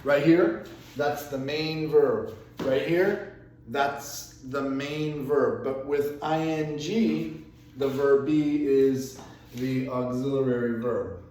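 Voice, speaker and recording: Slow, patient male teacher in an echoey room. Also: medium pitch, steady tone, a little mellow, distant mic, a little hiss or hum. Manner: patient, explains step by step with repeated examples. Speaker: English teacher. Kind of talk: classroom grammar lesson.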